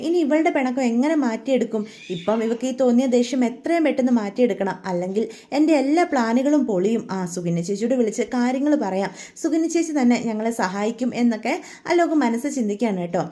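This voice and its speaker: Woman narrating a serial recap, quick, a bit high, reads all the parts herself. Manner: retells scenes aloud, reading every character's lines in one steady voice. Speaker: storyteller.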